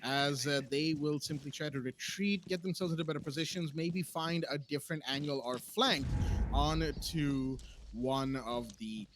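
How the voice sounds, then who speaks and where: A man doing play-by-play esports commentary who gets excitable and loud when the action picks up. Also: moderate pace, a little hiss or hum. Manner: excitable, voice jumps high in big plays. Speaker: esports caster.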